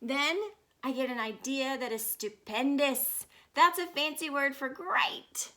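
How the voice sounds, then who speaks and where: Playing an excited little girl who tells her own storybook tale, a woman uses a high, bright, forceful voice with a steady tone and a slightly slow pace. The character is dramatic, adores everything fancy, and proudly explains grand words.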